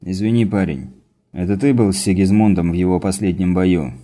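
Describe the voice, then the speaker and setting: Man doing a gruff blunt ship's tattoo artist. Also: deep voice, brisk, warm tone, lightly acted.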